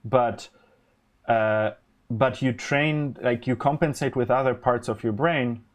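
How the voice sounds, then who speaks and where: Slow and medium-pitched, this male voice belongs to a native Polish speaker running a live stream. He talks casually as he designs electronics, wandering through his thoughts with frequent fillers and false starts.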